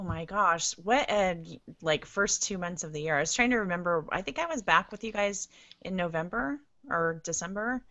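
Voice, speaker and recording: A woman in her forties or fifties with a Californian accent, chatting bubbly and fast with lots of "like" on a podcast panel. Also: on the low side, fairly bright tone, no room sound. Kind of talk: casual podcast chat. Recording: dry, slightly dull lo-fi sound.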